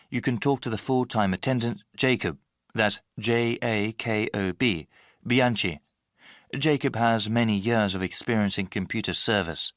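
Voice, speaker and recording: A man's voice: on the low side, fairly bright tone, no room sound, studio quality. A man reading scripted instructional narration for a listening test.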